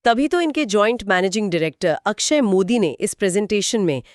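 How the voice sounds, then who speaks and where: A woman co-hosts a conversational financial explainer discussion, asking questions inquisitively and mixing English terms into her speech. Her mid-range voice is brisk with lively intonation. The audio is studio quality with no echo.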